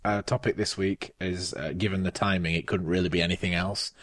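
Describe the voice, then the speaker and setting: Very low male voice, sardonic podcast co-host, dry close sound. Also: steady tone, brisk, a bit bright, dry recording. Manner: sardonic, swearing, frequent fillers. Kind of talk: casual podcast chat.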